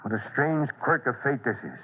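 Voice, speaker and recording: Casting: commanding, fatherly fire chief in vintage radio adventure, rough-edged husky voice, somber measured delivery, tinny muffled recording. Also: medium pitch, very animated. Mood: grave. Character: Chief Cody, grave, authoritative fire chief with fatherly temper. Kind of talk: old-time radio adventure drama acting.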